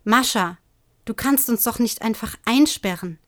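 A woman voicing a frantic young girl who shouts accusations and repeats herself insistently. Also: fairly high pitch, measured pace. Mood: angry, frantic.

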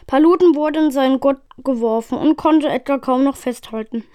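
A woman reading an adventure novel aloud in a steady storytelling manner. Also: high-pitched, no room sound, studio quality. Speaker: reader.

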